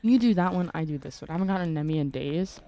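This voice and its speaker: A woman's voice: fairly low pitch, very fast, mellow. A young adult woman streaming live, chatting casually with her chat while gaming and greeting viewers by name.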